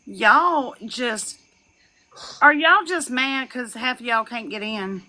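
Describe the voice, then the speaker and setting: A young woman on a live stream, ranting and gossiping in a loud, profane way, with laughs and shouted lines. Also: on the high side, slow pace, rough recording. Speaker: livestreamer. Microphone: phone.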